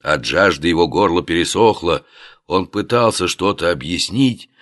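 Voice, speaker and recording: A man reading a comic adventure novel aloud as scripted narration, in a lively, ironic storytelling manner. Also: sits low, moderate pace, dry recording, studio quality. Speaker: audiobook narrator.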